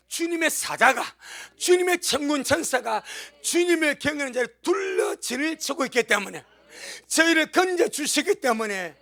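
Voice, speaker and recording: A male pastor preaching with emphatic, exclaiming force, sometimes crying out to God. His voice sits very high and has a gravelly edge. He preaches in a church. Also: a bit bright. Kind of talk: sermon.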